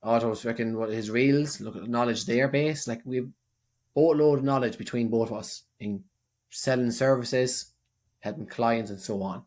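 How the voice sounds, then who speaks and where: A man's voice: mid-range voice, moderate pace, a little mellow. Rambling Irish man co-hosting a podcast. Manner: rambling, restarts sentences often. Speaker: podcast co-host. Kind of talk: casual podcast chat.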